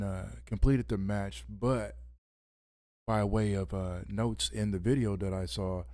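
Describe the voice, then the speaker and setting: Low dry-voiced male podcast host. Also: warm tone, no room sound. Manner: radio-host delivery, casual with fillers. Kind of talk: late-night wrestling podcast talk. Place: home at midnight.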